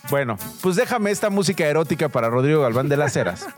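Mexican guy hosting, jokey and teasing, voice bouncing all over, slightly high. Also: fast talker, soft background music. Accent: Mexican Spanish. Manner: playful, teasing, lively banter. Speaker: radio show host. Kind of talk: casual joking chat.

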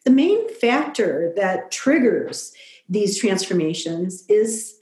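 A woman's voice: mid-range voice, big pitch swings, slow, darkish tone. Reflective woman in an echoey room. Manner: reflective, thoughtful, with frequent "you know". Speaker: guest. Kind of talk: conversational interview.

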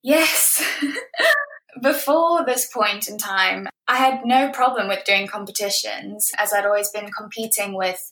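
A woman's voice: medium pitch, a little slow. Guest voice: woman in her twenties, earnest and reflective, recorded in a roomy, echoey space. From South Africa. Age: 20s. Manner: earnest, laughs softly between phrases. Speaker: guest, professional ballet dancer. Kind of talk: reflective interview answers. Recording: roomy echo.

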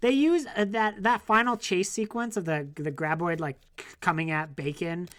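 Lower-voiced woman sharing movie trivia. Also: normal speed, dry recording, clean studio sound. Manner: chatty, shares trivia with many fillers and restarts. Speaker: podcast co-host. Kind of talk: casual movie discussion.

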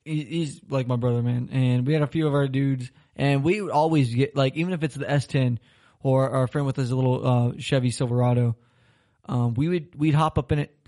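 A man's voice: medium pitch, a little fast. A young man from Florida hosting a casual chat, telling a rambling story full of swearing and laughter. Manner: rambling, laughing, swears a lot, animated retelling. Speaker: podcast host.

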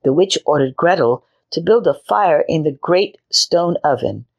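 Low-voiced woman reading a storybook. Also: lively intonation, a little slow. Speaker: storyteller host.

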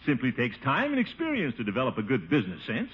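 An actor playing a pompous but good-natured middle-aged uncle in a 1950s radio sitcom, theatrical and full of exclamations. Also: male voice, mid-range voice, huge pitch swings, fast talker. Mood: amused, patronizing. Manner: theatrical, chuckling, exclaiming, patronizing. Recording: noisy, dull 1950s radio recording.

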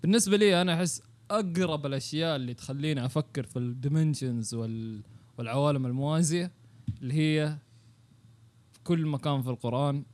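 A man's voice: a little high, quick pace, darkish tone. A Saudi man chatting casually and thinking aloud, dropping English words and phrases into his Arabic. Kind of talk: casual, musing chat.

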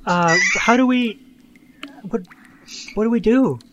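A man playing a tabletop game, chatting casually in a halting way and repeating his words. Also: high-pitched, dull audio, noisy background.

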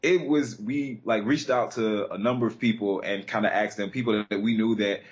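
A man's voice: on the low side, fairly even intonation, normal speed, muffled recording. An American man hosting a talk show in a casual, conversational way. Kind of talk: casual chat.

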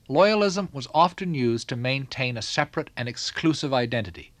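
A man narrating a documentary from a script in a measured, formal way. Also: medium pitch, a bit bright, dry recording.

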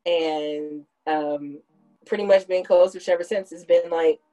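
Over faint background music on a rough recording, a woman in her thirties speaks with fairly low pitch, fairly even intonation and a dark tone, a little slowly. She hosts a podcast, musing conversationally and explaining at length.

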